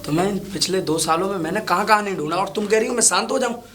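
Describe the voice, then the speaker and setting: A man's voice: sits high, rapid-fire, a bit bright. A man playing a jilted young lover who angrily accuses a woman for marrying someone else. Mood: angry. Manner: angry, accusing. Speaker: actor. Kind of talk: low-budget crime drama acting.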